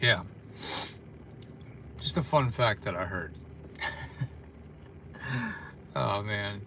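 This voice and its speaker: A man's voice: fairly low pitch, expressive, slow, pushed and bright, a little hiss or hum. A tired man chatting casually on a livestream from his parked car, rambling with lots of fillers. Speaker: vlogger.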